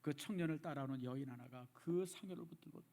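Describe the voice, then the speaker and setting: A middle-aged male pastor preaching in a church, emotive, dropping from loud emphasis to hushed, near-whispered repeats. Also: fairly high pitch, quick pace, vocal fry. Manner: addresses the congregation directly, repeats phrases for emphasis. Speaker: senior pastor. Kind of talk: sermon. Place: church sanctuary.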